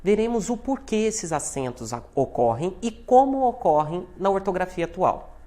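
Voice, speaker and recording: A woman with a Brazilian Portuguese accent giving a scripted grammar lesson, calmly spelling out examples one at a time. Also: lowish voice, normal speed. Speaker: university lecturer. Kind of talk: scripted instructional narration.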